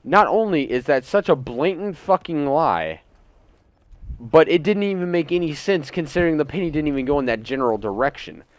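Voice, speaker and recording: A gaming YouTuber, a young man in his teens or young adulthood, rants through a casual, sweary, indignant story over gameplay at home. His fairly high-pitched voice is animated and fairly quick, captured in a dry recording.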